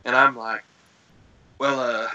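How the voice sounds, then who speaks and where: A man's voice: medium pitch, slow. A man telling a story with lots of energy and acting out each voice in it. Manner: excitable, acts out every voice in the story. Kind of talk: animated storytelling. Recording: dull lo-fi recording.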